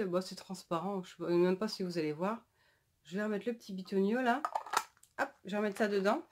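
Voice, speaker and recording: A woman's voice: mid-range voice, slight background noise. A woman chatting casually through a beauty product haul, reading packaging text aloud and correcting herself as she goes. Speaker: beauty vlogger.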